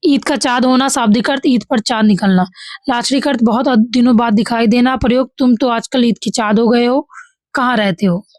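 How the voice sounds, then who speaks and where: A woman's voice: a little high, steady tone, a little fast, a little mellow, no echo. A woman with a Bihari Hindi accent teaching an exam-prep grammar lesson. She reads each example and then corrects it. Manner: reads examples then corrects them, says "ठीक है" often.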